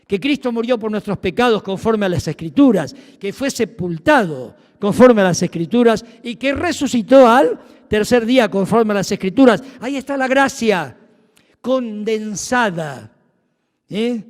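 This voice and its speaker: A man with a Rioplatense Spanish accent preaching a sermon, emphatic and swinging from loud to hushed. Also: high voice, expressive, a little slow. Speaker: pastor. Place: church. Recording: long reverb of a church hall.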